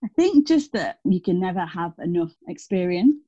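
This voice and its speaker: A woman's voice: on the low side, sing-song, moderate pace, dark tone, dry recording. A woman in her thirties, a teacher speaking casually as an interview guest, chatty with many fillers and self-corrections. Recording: dull, dry lo-fi sound.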